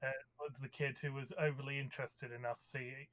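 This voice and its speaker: A man's voice: medium pitch, level tone, brisk, fairly bright tone, low-quality recording. A man taking part in a tabletop game as a player, talking casually. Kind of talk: casual chat.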